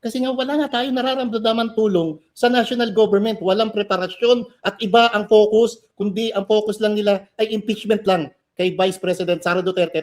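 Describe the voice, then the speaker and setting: A man co-hosting a political commentary show, earnest and critical, building to emphatic points. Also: high voice. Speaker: co-host.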